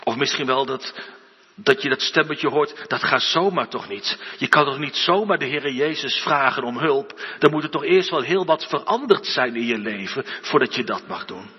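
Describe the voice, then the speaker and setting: Male preacher, husky voice, slow earnest sermon, dull recording with long church echo. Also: mid-range voice, lively intonation. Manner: slow, earnest preaching with rising emphatic outbursts.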